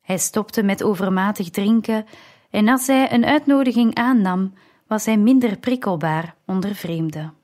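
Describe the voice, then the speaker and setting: Een vrouw die een verhaal in de ik-vorm voorleest als luisterboek, afgemeten en gelijkmatig. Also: female voice, medium pitch, a little mellow. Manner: slow, measured reading. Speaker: audiobook narrator. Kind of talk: scripted narration.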